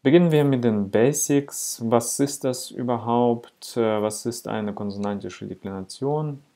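A man teaching a grammar lesson at a slow, deliberate pace, stopping often to check that the listener follows. His voice is dark and mellow, and his pitch sits in the middle. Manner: slow, patient, with frequent "ja?" checks and fillers. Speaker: Latin teacher. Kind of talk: explanatory lesson.

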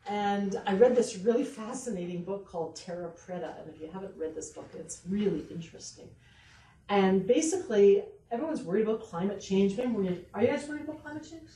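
Middle-aged woman as a horticulture speaker: chatty and joking, warm low-key tone, recorded from across a roomy hall with light hiss. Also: lively intonation, fairly quick. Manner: chatty and joking, asks the audience questions. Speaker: horticulturist giving a library talk. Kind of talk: lively gardening presentation to a live audience. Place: library meeting room. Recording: roomy sound from a distant mic with faint noise.

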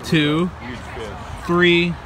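A man's voice: high voice, flat delivery, extremely slow, crowd noise, low-quality recording. A young man narrating a wildlife vlog in the field, talking casually and enthusiastically into a handheld phone. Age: young adult. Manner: informal, enthusiastic, addresses animals as buddy. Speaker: wildlife vlogger. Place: outdoors in woods and by ponds. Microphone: handheld phone at arm's length. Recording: outdoor handheld recording with background noise.

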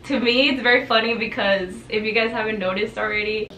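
Her voice is medium-pitched, steady, brisk and sharp as this talkative teen vlogger speaks casually to the camera from her bedroom, tapestry hanging behind her. Raised in Juarez, Mexico, and from El Paso, Texas, she has Spanish as her first language and is bubbly, gesturing a lot. The room echoes and the mic is a bit far off.

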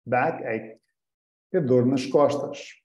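A man teaching English phrases in an online lesson, repeating each phrase slowly for practice. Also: mid-range voice, mellow, reverberant, dull audio.

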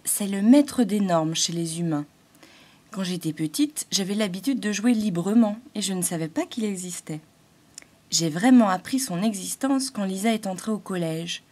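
A woman's voice: medium pitch, warm tone, natural voice. A woman voicing a timid little female thought-spirit, a glowing halo, in a fairy-tale audiobook. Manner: shy, hesitant, growing earnest.

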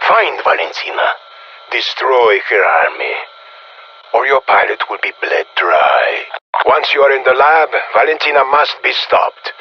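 Casting: a bitter, menacing Russian-accented military colonel for a game. Raspy, authoritative, heard through a dull radio filter. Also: male voice, mid-range voice. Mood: cold, threatening. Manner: authoritative, threatening, clipped orders. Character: stern, menacing Soviet colonel, male, ruthless and bitter. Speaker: video game character voice. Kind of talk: video game voice acting, commanding briefing.

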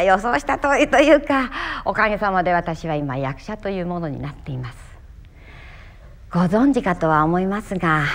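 A Japanese actress from Miyagi performing a one-woman stage monologue, telling her story theatrically with sudden leaps in pitch. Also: gravelly.

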